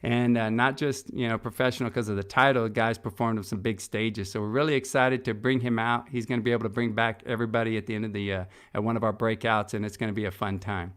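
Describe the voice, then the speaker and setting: A middle-aged podcast host who also organizes a conference talks casually and enthusiastically about the upcoming event and its sponsors, full of fillers and restarts. His lowish, fairly bright voice is clean and steady, delivered fast with hardly any pauses.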